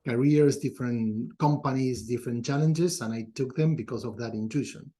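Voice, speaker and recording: Appearing as a guest on a podcast, a middle-aged culture consultant from Argentina speaks reflectively and conversationally. His Argentine Spanish accent comes through in a mellow, mid-range voice at normal speed.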